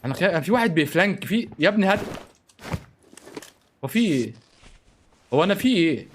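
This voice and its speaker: A young gaming streamer with an Egyptian Arabic accent commentates live on a mobile shooter game, excitable and panicky, constantly begging his teammates for help. His voice is high and fast, with slight background noise.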